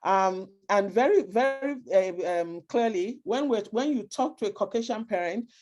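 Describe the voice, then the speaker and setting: A woman with a Nigerian accent urges immigrant parents with earnest, emphatic advice and repeats her key points. Her medium-pitched voice is expressive and darkish in tone, at a normal speed.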